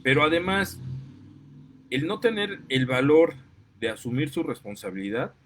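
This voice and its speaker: A man's voice: on the high side, very animated, normal speed, a bit bright, a little hiss or hum. A man with a Mexican accent, a parent giving an impassioned, indignant monologue that keeps getting heated. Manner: indignant, gets worked up, apologizes for outbursts. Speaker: parent and commentator.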